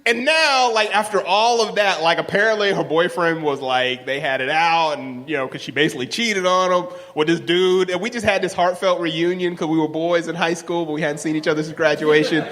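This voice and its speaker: A man with a loud, projecting voice, telling a personal story on stage and acting out the dialogue. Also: a little high, a little fast, few pauses. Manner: animated, acts out dialogue in raised voices. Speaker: live storyteller. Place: stage in a large hall. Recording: live recording with long hall reverb.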